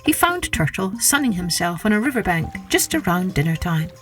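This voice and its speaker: Animated woman storyteller with swooping intonation. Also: on the low side, normal speed. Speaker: storytelling podcast host. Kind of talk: animated scripted children's folktale narration. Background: faint music.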